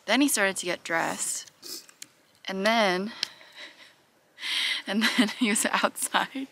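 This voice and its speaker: Speaking slowly in a mid-range voice that sounds pushed and bright with no echo, a young adult woman vlogs while camping. Holding the camera at arm's length, she chats casually, telling stories with playful asides to viewers, at a campsite outdoors and inside a car.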